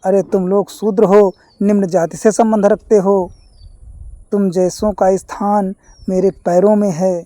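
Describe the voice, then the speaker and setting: A haughty, cruel rich landowner , as a storyteller puts him on, scolding with a warm, mellow tone. The voice sounds dry and close, in a storybook reading. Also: mid-range voice, flat delivery, unhurried, no room sound, close to an everyday voice. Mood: scornful. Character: arrogant cruel wealthy male landowner.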